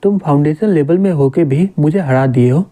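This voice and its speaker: A man reading the lines of a teasing, possessive young woman in a manga recap, in a fairly high, very dark, soft voice. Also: moderate pace, natural voice. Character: clingy, jealous young woman sister figure.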